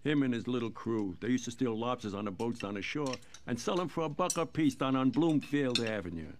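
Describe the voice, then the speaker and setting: An actor playing a gruff older uncle who needles the boy and reminisces at a family dinner, in a TV drama. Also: mid-range voice, animated, brisk, a little hiss or hum, natural voice. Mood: reminiscing. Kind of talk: TV drama acting.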